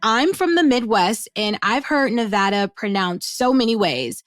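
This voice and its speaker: Woman, fairly high voice, enthusiastic travel-writer co-host, faint music behind. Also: expressive, moderate pace, dry recording, clean studio sound. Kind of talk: scripted podcast intro and casual chat.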